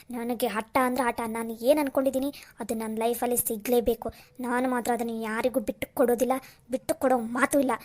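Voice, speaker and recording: A woman's voice: fairly high pitch, a little mellow, close to an everyday voice. A woman voicing a headstrong daughter. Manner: insistent and defiant. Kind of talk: Kannada cartoon voice acting.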